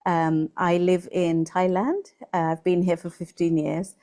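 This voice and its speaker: Woman, 40s, dark mellow tone, interviewer, listening murmurs. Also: fairly low pitch, a little slow. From England. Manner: warm interviewer with steady listening sounds. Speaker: online English tutor. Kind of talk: casual video-call interview.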